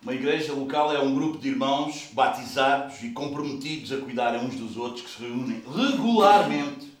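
Portuguese pastor guy preaching, kinda high voice, loud bits then quiet, big echoey hall, mic far off. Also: moderate pace. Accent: European Portuguese. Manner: lively, swings from loud bursts to soft asides. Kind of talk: sermon. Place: large church hall.

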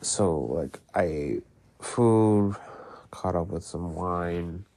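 A man with a gravelly, phlegmy voice, congested from being sick, talking casually about his life in a halting, rambling way. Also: low voice, warm tone. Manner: halting, rambling, heavy use of "like"; casual swearing. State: sick, congested with mucus in throat. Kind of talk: casual personal diary-style talk.

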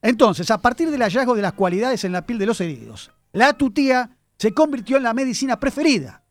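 A man's voice: very high voice, very animated, fairly quick, no room sound. A man presenting a chatty radio segment on word origins, addressing his listeners as he tells the story. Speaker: radio columnist. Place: radio studio.

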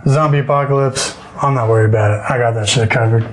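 A man's voice: mid-range voice, steady tone, quick pace, slight background noise. A man talking as a podcast guest in a boastful, profane, laid-back way. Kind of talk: casual podcast chat.

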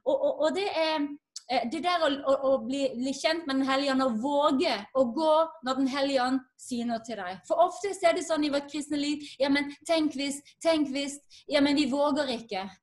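A woman, a guest earnestly telling a personal faith story and acting out the dialogue. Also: sits high.

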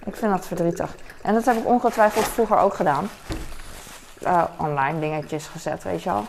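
A woman's voice: lowish voice, moderate pace, creaky, slight background noise. A young adult woman vlogging in casual chat, rambling with lots of fillers and asides. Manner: rambling, frequent fillers and "weet je wel".

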